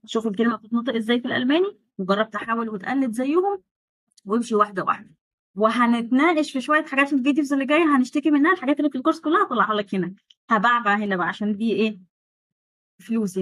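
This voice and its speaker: An Egyptian woman teaching a German lesson, chatty with sarcastic asides, repeating words slowly to drill pronunciation. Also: on the high side, a bit bright, dry recording, rough recording. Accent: Egyptian Arabic. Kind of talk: online language lesson.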